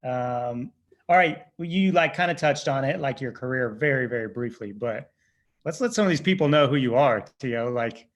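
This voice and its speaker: Man, interview host, medium pitch, enthusiastic, filler-heavy, teasing. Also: expressive, moderate pace. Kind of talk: casual interview chat.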